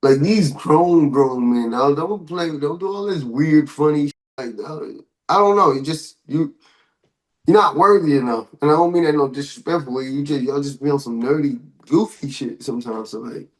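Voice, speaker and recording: Here a podcast co-host riffs on hip-hop and pop culture news, mixing strong opinions, slang and exaggerated side comments. His voice is slightly high, his pace moderate, and the audio quality is poor.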